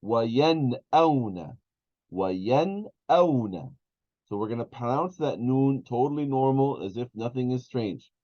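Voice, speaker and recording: A man teaching an Arabic class, explaining slowly with many fillers and restarts. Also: medium pitch. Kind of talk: online class lesson. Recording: dull lo-fi sound.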